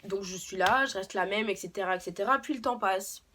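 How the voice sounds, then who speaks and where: A woman's voice: mid-range voice, a little fast, a bit bright, slight background noise. A young woman telling a personal story unscripted in a vlog, hesitant, with many fillers and restarts. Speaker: beauty vlogger.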